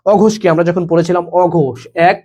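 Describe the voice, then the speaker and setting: This young man runs a live online admission class, firing quizzes at students rapidly and repeating every question and answer while saying "okay bhaiya" again and again. His voice is high-pitched, mellow, and slightly rough.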